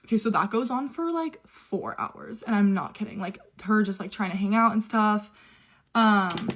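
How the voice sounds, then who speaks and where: A woman's voice: mid-range voice, normal speed, fairly bright tone. Young woman spilling a story, super chatty, says like constantly. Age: young adult. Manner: chatty, many "like" fillers. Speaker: au pair telling her story. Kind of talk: casual storytime.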